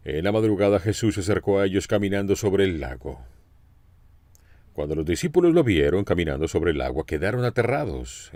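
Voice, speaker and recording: A man with a low, deep voice preaches a sermon, his pitch rising and falling widely as he tells the story. He speaks with expression and turns often to ask his listeners direct questions. The recording is dry, with no room sound. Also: big pitch swings, fairly quick, darkish tone, no echo.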